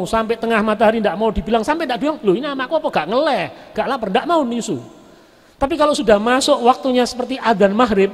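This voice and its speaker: High-voiced preacher in echoing hall. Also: male voice. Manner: mixes Javanese words into Indonesian, lively storytelling. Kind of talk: storytelling sermon. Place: main prayer hall of a large mosque. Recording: long echo of a large prayer hall.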